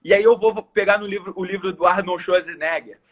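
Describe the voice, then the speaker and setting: Brazilian male coach, high husky voice, earnest emphatic podcast chat. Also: fairly even intonation, brisk. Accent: Brazilian Portuguese. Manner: earnest, emphatic, repeats phrases for stress. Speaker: coach and course speaker. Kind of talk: casual podcast conversation.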